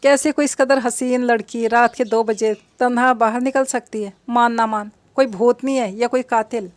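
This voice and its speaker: A woman's voice: fairly high pitch, steady tone, normal speed, no room sound, lightly acted. A woman voicing two nervous young men muttering warily to each other. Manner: wary, muttering asides.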